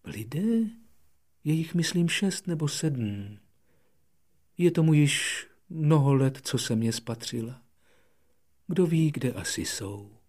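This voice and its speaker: Tiny plain flower, higher softer voice, bit husky, a man doing her. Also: lively intonation, long pauses. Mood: wistful. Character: small plain female desert flower. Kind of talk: audiobook reading.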